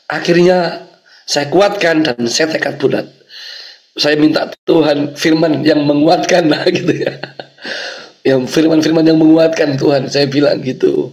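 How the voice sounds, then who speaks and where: Pastor telling a testimony, slightly high. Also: male voice. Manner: storytelling, addresses congregation, frequent fillers. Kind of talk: sermon testimony.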